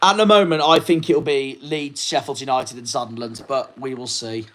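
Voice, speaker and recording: In a rough recording, a young fan vlogger from around Plymouth, England, delivers a furious, profanity-laden post-match rant. His medium-pitched voice is fairly bright, with fairly even intonation and a moderate pace.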